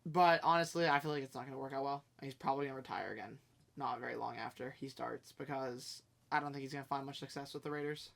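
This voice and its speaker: A man co-hosting a sports talk show. He speaks quickly and keeps his takes short and plain. His delivery stays low-key throughout the casual chat. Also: creaky, fairly bright tone. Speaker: co-host of a sports podcast.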